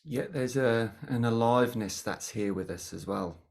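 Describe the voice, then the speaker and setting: A meditation teacher leads a guided practice gently and without hurry, leaving long pauses between phrases, in a mid-range voice with vocal fry.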